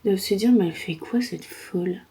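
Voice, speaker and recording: This is a female vlogger with a medium-pitched voice and a dark tone, speaking briskly. Her mouth is swollen and sore from getting her wisdom teeth removed, and she complains about it lightly in a slangy, casual chat to camera.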